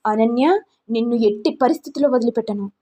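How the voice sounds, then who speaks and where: A stern, hot-tempered middle-aged mother, voiced by a woman narrator, scolding and demanding answers. Her voice is husky and set a little high. Told as a storytelling recap. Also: brisk, warm tone, close to an everyday voice.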